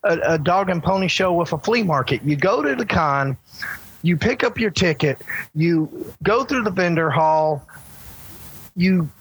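Husky-voiced man talking up an event. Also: sits high, animated, unhurried, a bit bright, rough recording. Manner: enthusiastic, rambling with restarts. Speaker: convention organizer. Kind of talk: casual interview talk.

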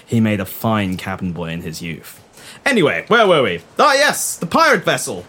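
A man's voice: lowish voice, very animated, normal speed, sharp tone, husky, voice pushed down, heavily acted. A man playing a pompous naval admiral. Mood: commanding. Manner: stiff, formal command tone. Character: pompous older male naval admiral, commanding. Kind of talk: improvised comic radio play.

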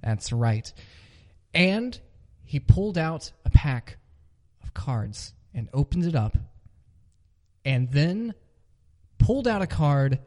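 A man's voice: a little high, animated, slow, long pauses, dark tone. Man giving mock-serious crime narration. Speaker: podcast host.

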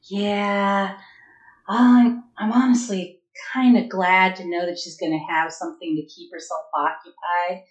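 A woman playing a tabletop role-playing game, narrating her character in a relaxed, amused way. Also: medium pitch, measured pace. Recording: echoey room.

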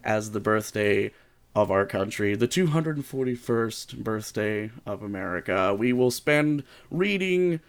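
A man's voice: fairly low pitch, expressive, unhurried, smooth. A man co-hosting a comedy podcast, reading a silly story aloud with wry, sweary asides. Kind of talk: casual comedic read-aloud.

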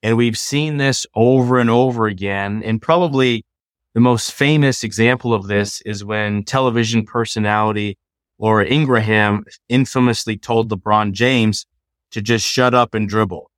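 A middle-aged man, a law professor, explaining ideas in a measured, lecturing way during a conversation. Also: lowish voice, no room sound, clean studio sound.

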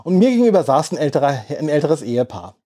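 A man in his forties, chatting away about a trip. His voice is mellow and dark, and he wanders through the story with plenty of fillers and restarts. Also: fairly high pitch, very animated, fast. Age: 40s. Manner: rambling, lots of fillers and restarts. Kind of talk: casual chat, telling a holiday story.

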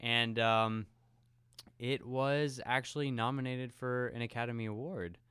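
A man co-hosting a film podcast, talking in a relaxed, conversational way. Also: medium pitch, a little slow, smooth, no room sound, clean studio sound. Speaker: podcast co-host. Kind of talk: casual film podcast chat.

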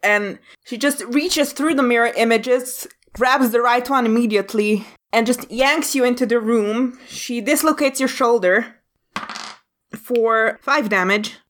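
A woman running a tabletop game as game master, with measured, descriptive narration. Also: a little high, a bit bright.

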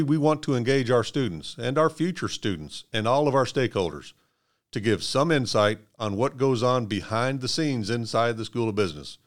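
A man from Kentucky hosting a scripted interview podcast in a measured, encouraging way. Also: mid-range voice. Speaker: podcast host.

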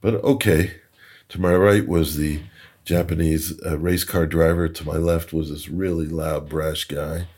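A man's voice: rumbling low, steady tone, a little slow, a little mellow, slightly rough. A man, a podcast guest, telling anecdotes in a chatty way, chuckling and repeating words while he searches for them. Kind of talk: anecdotal storytelling. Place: Toronto.

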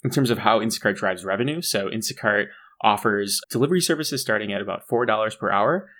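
A man's voice: lowish voice, quick pace, fairly bright tone. A man co-hosting a casual podcast, explaining a company in a chatty way with frequent restarts. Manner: chatty, restarts and fillers, laughs at own jokes. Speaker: co-host.

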